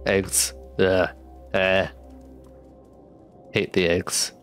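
Talking with retainers in, a young gaming streamer offers casual let's play commentary over game music. His low, slightly bright voice has little pitch movement and drawn-out words, and a cough lingers as he recovers from being a little sick.

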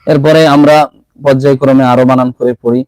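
Male Quran teacher, mid-pitched, slow deliberate syllable drills, dry close recording. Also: flat delivery, a little mellow, no echo, poor audio. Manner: slow, drawn-out syllable-by-syllable spelling. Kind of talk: live-streamed spelling lesson.

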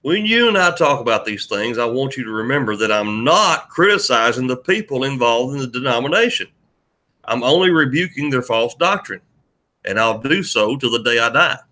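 A man's voice: mid-range voice, animated, normal speed, sharp tone. A man voicing an earnest, preacherly Bible-study friend who recites scripture firmly.

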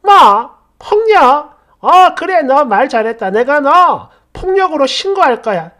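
A woman's voice: big pitch swings, slow, darkish tone, full character voice. A woman voicing a mocking middle-aged female office supervisor who bullies a new employee. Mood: shrill angry. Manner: taunting, shrill when angry.

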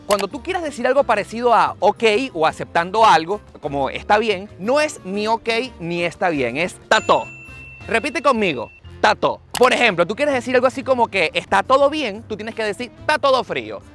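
A man's voice: sits high, a bit bright. A man with a Venezuelan accent narrating a travel vlog, playfully teaching local phrases and asking the viewer to repeat after him. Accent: Venezuelan Spanish. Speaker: travel vlogger.

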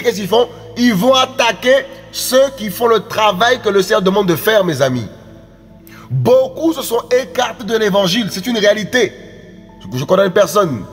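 Impassioned high-voiced preacher in a hall. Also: male voice, slightly rough. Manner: impassioned, repetitive, breaks into sung phrases. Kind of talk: sermon.

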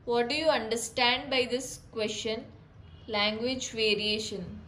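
A young woman talks through exam material with a fairly high voice, stopping to rephrase and give examples. There is a faint hiss of room noise behind her. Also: fairly even intonation, a little slow, a bit bright, rough recording. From India. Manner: explains with examples, frequent fillers and restarts. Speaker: tutor. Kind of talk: casual exam-prep lesson.

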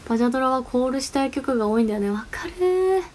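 A woman's voice: on the high side, fairly even intonation, very fast. Giggly young woman with a lilt. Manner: giggly, chatty, reads viewer comments aloud. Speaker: idol livestream host. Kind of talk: casual livestream chat.

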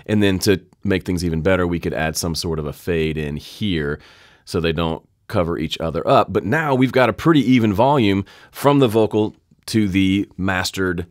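In his home studio, surrounded by keyboards and guitars, a man in his thirties hosts a screen-recorded software tutorial on podcast audio steps. His low, slightly nasal voice is friendly and even at a moderate pace, captured close on a studio condenser mic. The recording is dry, with faint music in the background.

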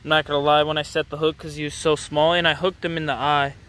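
Filming his catches with a handheld phone at a city pond, this upbeat young man speaks quickly in a somewhat high, flat, fairly bright voice. He keeps it casual, chatting with viewers between fish.

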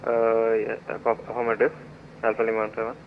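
A man working as a pilot, calling ground control over an aviation radio in a measured way with brief hesitations. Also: on the low side, monotone, gravelly. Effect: heard over an aviation radio. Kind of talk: radio phraseology. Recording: dull radio audio with faint hiss.

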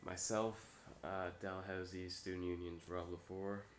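A young man who is sick with a stuffy nose, giving a low-key, hesitant, rambling vlog update into a webcam. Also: flat delivery, measured pace, slight background noise. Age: young adult. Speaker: vlogger and amateur filmmaker. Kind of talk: casual, unscripted update vlog. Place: small room indoors. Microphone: webcam or laptop mic at arm's length.

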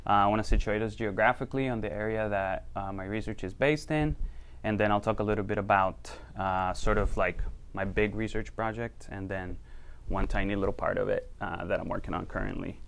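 Soft-spoken man giving a low-pitched academic talk. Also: a little fast, gravelly. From Costa Rica. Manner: loose and conversational, many fillers. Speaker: university researcher giving a talk. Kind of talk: academic presentation to a small audience.

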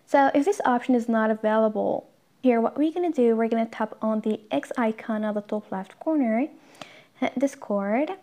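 A woman's voice: on the high side, normal speed, dark tone. Woman walking through an app fix. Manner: plain instructional, talks through each tap. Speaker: tutorial host. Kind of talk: step-by-step app tutorial.

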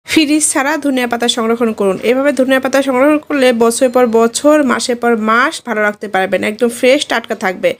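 A woman giving a step-by-step instructional voice-over, steady and explanatory, speaking directly to viewers. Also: high-pitched. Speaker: home tips vlogger.

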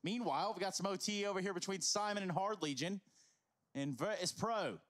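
A man bantering playfully on an esports broadcast during a pause, joking and easygoing. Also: sits high, a bit bright, no room sound. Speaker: esports commentator.

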